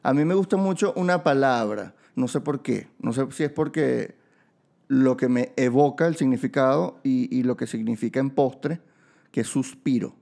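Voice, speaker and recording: A man's voice: mid-range voice, normal speed, gravelly, warm tone. A Venezuelan man hosting a podcast, chatting casually and joking with his guest. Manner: playful, joking. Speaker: podcast host. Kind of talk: casual chat.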